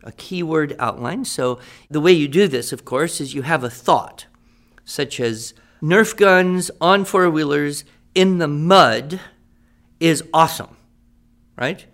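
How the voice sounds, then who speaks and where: In a radio drama, a man plays a patient writing teacher, walking students through each step and making sure they keep up. His voice sits a little high and sounds slightly bright, and he talks slowly. The classroom teaching feels improvised and instructive.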